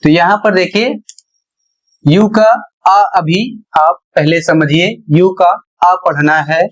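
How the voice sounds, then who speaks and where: A man's voice: high voice, steady tone, rough recording. A man teaching English pronunciation, explaining patiently and spelling words out letter by letter. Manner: slow, deliberate, repeats phrases while explaining.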